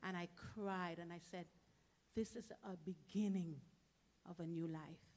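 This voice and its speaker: A woman's voice: fairly low pitch, a little slow, darkish tone. Heartfelt woman giving a eulogy. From Trinidad. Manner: heartfelt, speaks in short, emphatic phrases. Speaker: church member giving a tribute. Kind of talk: memorial eulogy.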